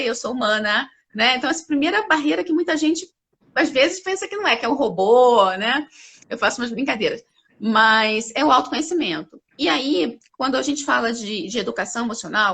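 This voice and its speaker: A woman speaking as a company CEO guest in a live interview, explaining ideas with animated examples. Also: high voice, creaky, husky. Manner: animated, acts out examples with lively voices.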